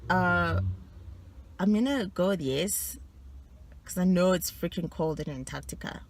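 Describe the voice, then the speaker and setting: Speaking fairly low and a little slowly, this woman works through a quiz for her own vlog. She keeps it casual, pokes fun at herself, and laughs a lot between her answers.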